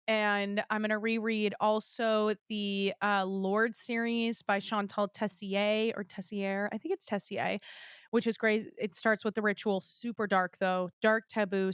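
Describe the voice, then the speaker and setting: A woman's voice: mid-range voice, clear, resonant tone, no room sound, studio quality. A young woman hosting her own podcast, chatting casually and gushing to her listeners about what she loves lately. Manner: bubbly, gushing, talks to listeners directly. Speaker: podcast host. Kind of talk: casual solo chat.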